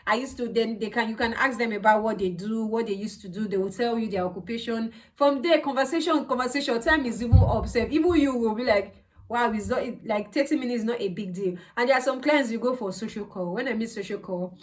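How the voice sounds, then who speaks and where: A woman's voice: on the high side, quick pace. A woman from Nigeria with a Nigerian accent gives a casual explanatory vlog talk, conversational and emphatic, often repeating words for stress. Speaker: vlogger, healthcare assistant. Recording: voice distant from the mic.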